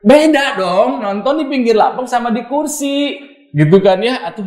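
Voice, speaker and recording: Animated Sundanese-accented man telling a story. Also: extremely high pitch, moderate pace, echoey room. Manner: lively, laughing, acts out quoted voices. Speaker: supporter leader telling a story.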